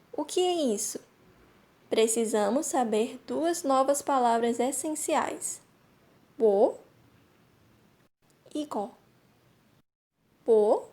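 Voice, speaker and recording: Clear, deliberate woman teacher. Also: sits high, a little mellow. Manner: clear and deliberate, repeating each example slowly. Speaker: Korean language teacher. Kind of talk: scripted lesson narration.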